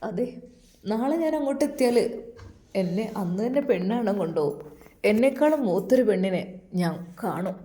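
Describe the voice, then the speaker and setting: Lady doing a sad young guy leaving his love, low soft voice, mellow, echoey room. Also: animated, normal speed, pauses often, lightly acted. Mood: sorrowful. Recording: roomy echo.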